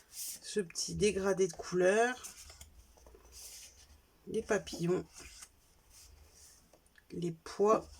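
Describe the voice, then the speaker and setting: A woman's voice: fairly low pitch, a little mellow. Chatty French woman showing craft buys. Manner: chatty, self-correcting, lists items one by one. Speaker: craft vlogger showing purchases. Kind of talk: casual show-and-tell haul.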